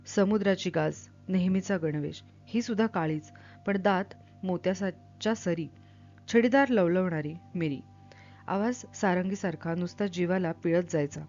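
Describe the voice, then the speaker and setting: A woman reads from a novel with expressive, dramatic flair, then explains the passage the way a literature teacher would. Her voice sits on the low side and moves a little slowly. The audio is dull, with faint music in the background.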